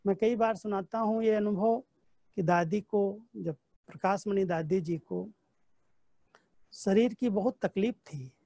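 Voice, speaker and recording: Man, spiritual teacher. Warm, mellow tone, dry close sound. Relaxed storytelling in a devotional class. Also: high-pitched, slow pace, gravelly, long pauses, no room sound. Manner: storytelling, recounting dialogue from memory. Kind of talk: devotional class with personal anecdotes.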